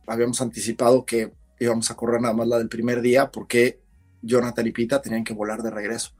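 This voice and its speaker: A man, a podcast guest, telling a story in casual conversation, animated and acting out what others said. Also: medium pitch, vocal fry, slightly rough. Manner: animated storyteller, acts out shouted quotes.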